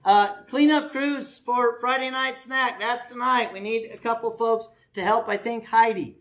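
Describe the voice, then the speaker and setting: A man's voice: very high-pitched, steady tone, a little slow, fairly bright tone. A man preaching and giving camp announcements to a congregation in a meeting hall, joking with the audience as he coaxes them to volunteer. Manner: folksy, joking, coaxing the crowd to volunteer. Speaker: pastor leading a family camp.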